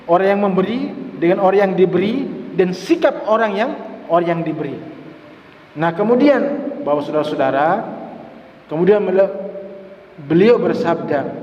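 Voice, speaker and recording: Male preacher with a higher voice, emphatic and repetitive, recorded lo-fi in a reverberant mosque hall. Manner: repeats words for emphasis, mixes in Arabic phrases. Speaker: Islamic preacher. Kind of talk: mosque study-session sermon. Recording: echoey mosque hall, dull lo-fi sound.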